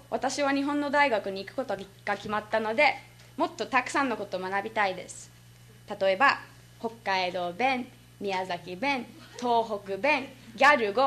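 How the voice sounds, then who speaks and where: Teen girl from the US, Kansai-accented, earnest prepared speech, bright tone. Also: high-pitched. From United States. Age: late teens. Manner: earnest, with frequent small laughs. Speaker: student speech contestant.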